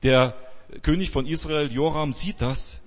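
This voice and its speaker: Male pastor, husky mid-pitched voice, lively storyteller who plays out the quotes, long church-hall echo. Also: a little slow. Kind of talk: sermon retelling a Bible story.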